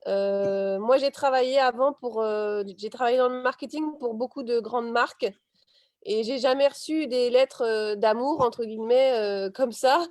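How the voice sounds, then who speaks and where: A woman's voice: on the high side, a little slow, a little mellow, no echo, studio quality. A woman mushroom grower and former marketer answering a panel, with lots of hesitations.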